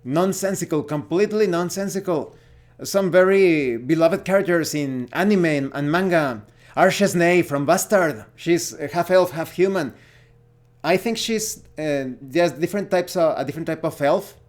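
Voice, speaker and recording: Searching for words and speaking in halting bursts, a Mexican-accented gaming vlogger shares a casual opinion piece. His pitch runs on the high side.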